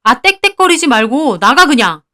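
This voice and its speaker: A woman's voice: a little high, animated, normal speed, lightly acted. A woman voicing a jealous, moody young boyfriend in a storybook-style drama, talking curtly and sulkily. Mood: angry. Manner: curt, sulky, then wheedling.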